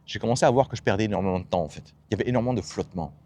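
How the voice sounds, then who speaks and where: Fast-talking man coaching. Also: fairly low pitch, darkish tone. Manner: emphatic, rhetorical questions, blunt slang. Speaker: self-development coach. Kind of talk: motivational monologue.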